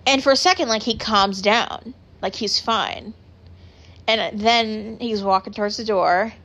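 A woman's voice: mid-range voice, unhurried, fairly bright tone, muffled recording. A woman hosting a casual chat, rambling with lots of filler words and casual swearing. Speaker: podcast host.

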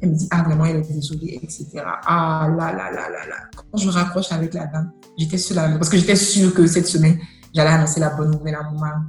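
A woman's voice: low-pitched, fairly even intonation, quick pace, a little mellow, reverberant, soft background music. A woman giving a personal faith testimony, telling her story animatedly and acting out the dialogue. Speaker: guest sharing a testimony.

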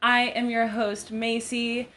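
A woman's voice: a little high, level tone, slow pace, a bit bright, a little hiss or hum. A woman in her twenties hosting a podcast at home, chatting casually with a friend, joking and teasing with lots of fillers. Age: 20s. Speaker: podcast host. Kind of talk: casual chat.

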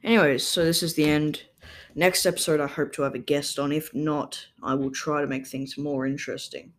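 A young man from Australia speaks in a fairly high, flat voice at a moderate pace. Hosting his podcast solo, he meanders through a relaxed monologue stuffed with ums and likes, sometimes straying from his home mic.

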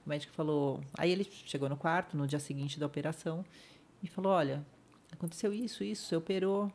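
On a podcast, a middle-aged guest from Brazil tells her own painful story at a quick pace, her voice somewhat low and her accent Brazilian Portuguese. The retelling is vivid: she performs what others said and lets her words sink into a hush at the hardest parts.

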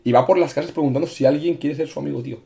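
A young man, co-hosting a casual chat and rambling quickly through a story. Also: fairly high pitch, gravelly, warm tone. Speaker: podcast co-host.

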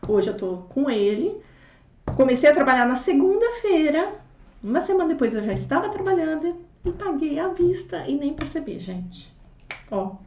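A woman sharing her story as an interview guest, expressive, acting out dialogue and swinging between loud and hushed. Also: high voice, normal speed, a little hiss or hum. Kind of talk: animated personal testimony. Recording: roomy, distant, dull audio.

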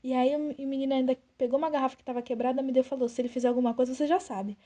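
A woman's voice: high voice, rapid-fire. A young woman, casually telling a story on a podcast and acting out the dialogue in it. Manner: animated, acts out quoted dialogue. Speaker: podcast co-host.

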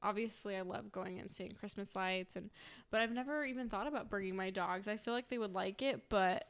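Giggly young woman on a chatty podcast, middle pitch, says like a lot. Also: a little fast. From Arizona, USA. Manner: bubbly, giggly, lots of fillers. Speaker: podcast co-host. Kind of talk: casual chat.

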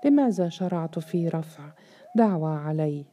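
A woman voicing a furious, contemptuous male estate overseer who shouts insults and interrogates sharply. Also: sits low, animated, normal speed, a little hiss or hum. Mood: enraged.

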